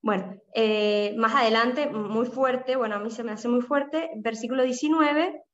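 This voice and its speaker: A woman with a Caribbean Spanish accent teaches a Bible study and explains each point patiently. She keeps checking in with her listeners with short "¿no?" and "¿sí?" questions. Her voice sits fairly high, and the recording sounds dull and lo-fi. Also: measured pace. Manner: explanatory, asks listeners with frequent "¿no?" and "¿sí?".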